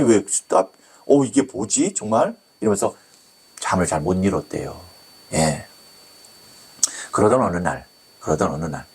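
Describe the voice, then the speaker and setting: Male pastor, sermon storytelling, husky edge, very lively pitch, acts out quotes. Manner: storytelling with acted quotes, exclaiming.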